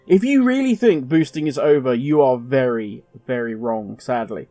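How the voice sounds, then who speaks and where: A male host of a gaming video speaks in a high-pitched, slightly mellow voice with no room sound. He rants emphatically, offering opinionated commentary directly to the viewer.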